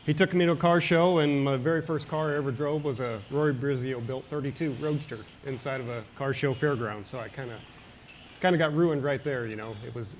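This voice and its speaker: A man in his thirties from Nebraska speaks as a panel guest, casual and full of small fillers. His voice sits at an ordinary pitch. A faint room hum lies underneath. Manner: casual, many "uh" and "you know" fillers. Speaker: panel guest, shop owner. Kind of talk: panel discussion. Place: forum room with an audience.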